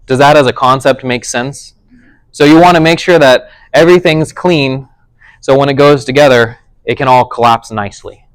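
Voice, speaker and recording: A man's voice: medium pitch, moderate pace, no room sound, low-quality recording. A man teaching a casual tech class, explaining things conversationally and often checking whether his listeners follow. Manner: conversational, checks understanding with frequent "does that make sense".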